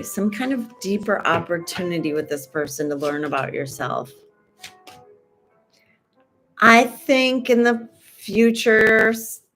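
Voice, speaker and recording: A woman's voice: lowish voice, a bit bright. A woman casually reading tarot cards for her livestream, chatty and rambling, trailing off mid-sentence and throwing in joking asides. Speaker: tarot reader and stream host.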